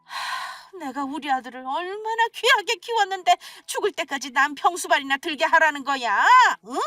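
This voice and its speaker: A woman voicing a shrill, scolding older mother-in-law in a radio story, with a nagging, accusing manner. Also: sing-song, unhurried, sharp tone, no room sound, studio quality, recorded from a distance, exaggerated voice. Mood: furious. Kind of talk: scripted radio story acting.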